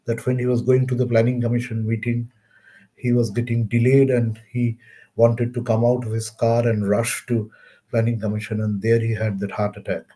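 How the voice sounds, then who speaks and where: Indian male lecturer, warm low-key tone, slow and deliberate with fillers. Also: little pitch movement. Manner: measured, halting with pauses and fillers. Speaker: webinar speaker. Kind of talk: lecture on science history.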